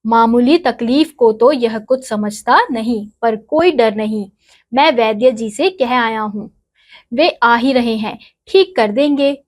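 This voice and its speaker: A woman's voice: fairly high pitch, takes it slowly. A woman voicing a talkative older male neighbour who speaks jovially and emphatically.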